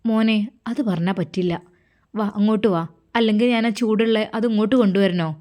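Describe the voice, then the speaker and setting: A caring mother coaxes and gently scolds in a warm, mellow voice, as a woman puts her on. She speaks with a Malappuram Malayalam accent and a steady, insistent manner. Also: medium pitch, brisk, lightly acted. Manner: coaxing, fussing, gently scolding.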